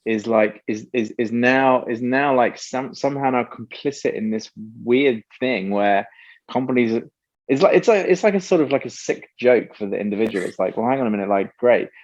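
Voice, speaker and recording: A male company founder speaking as an interview guest, animated and tangential, often laughing as he talks. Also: medium pitch, moderate pace. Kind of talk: casual interview conversation. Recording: dull lo-fi remote audio.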